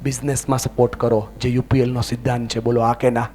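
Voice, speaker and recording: A man giving a motivational speech to a live audience, energetic and calling out to the crowd for answers and chants. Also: medium pitch, fast talker. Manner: leads the audience in loud chants. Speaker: motivational speaker. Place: large event hall with an audience.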